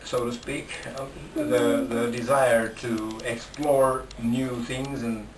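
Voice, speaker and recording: The recording is distant and roomy, with slight background noise, as a man from Finland talks casually in an interview. His English carries a Finnish accent and comes out slowly and haltingly with frequent restarts, in a steady, middle-range voice.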